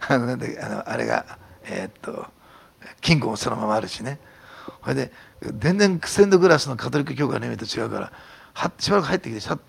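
A man preaching a sermon as a pastor, telling stories in an animated way and sometimes dropping to a whisper. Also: mid-range voice, gravelly, husky. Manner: animated storytelling, drops to a whisper at times.

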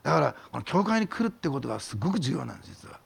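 A man, preaching a sermon as pastor, telling a testimony with animated storytelling and sudden drops to whispers. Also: on the high side, racing, creaky, husky.

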